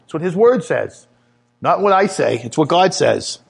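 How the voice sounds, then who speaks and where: High-voiced man preaching earnest testimony. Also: sing-song, moderate pace, gravelly, breathy edge. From Italian heritage. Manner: earnest testimony, rises in pitch when emphatic. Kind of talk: sermon.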